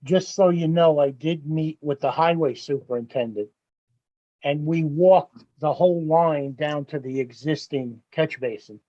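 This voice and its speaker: In lo-fi audio from a public meeting, a man with a slightly high, warm voice takes his time laying out his site plans for a village board. He explains things in a down-to-earth, plain-spoken manner.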